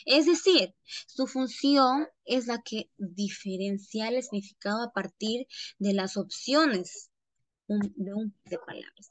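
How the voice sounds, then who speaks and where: A woman teacher, pitched high and speaking at an unhurried pace. She explains step by step and keeps checking that her students follow. The recording is dry and close, with no room sound. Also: pushed and bright, no room sound. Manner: checks in often with "¿ya?"; addresses students as "chicos". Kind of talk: online classroom lesson.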